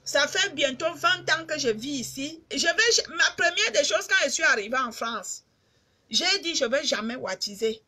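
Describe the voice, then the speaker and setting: Chatting on a live video stream, this middle-aged woman from Cameroon talks straight to her fans in a Cameroonian accent, casual yet emphatic and repetitive. Her high-pitched voice has lively intonation and a bright, forceful tone, moving at a moderate pace.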